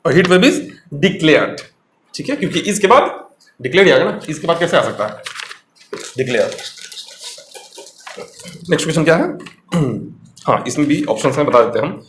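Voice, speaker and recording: A man gives an exam-prep grammar lesson, his voice sitting slightly high. He explains step by step and keeps quizzing the viewer. The small room around him is echoey. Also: lively intonation, normal speed, long pauses, slight background noise. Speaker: English teacher.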